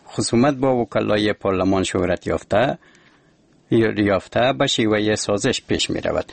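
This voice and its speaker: A man reading the radio news in a steady, formal way. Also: on the low side, vocal fry, no room sound. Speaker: newsreader. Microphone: studio mic.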